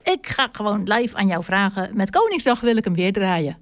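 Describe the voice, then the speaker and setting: Woman on local radio, chatty, lots of ehs, average pitch. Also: big pitch swings, moderate pace. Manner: chatty, with many filler sounds. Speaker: radio host. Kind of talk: casual radio chat.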